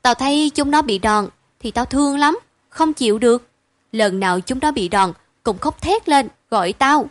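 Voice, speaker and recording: A woman's voice: high voice, lively intonation, no room sound. A woman reading aloud and voicing a spirited poor village girl, the eldest sister, blunt and caring. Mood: matter-of-fact. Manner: brisk, blunt and matter-of-fact.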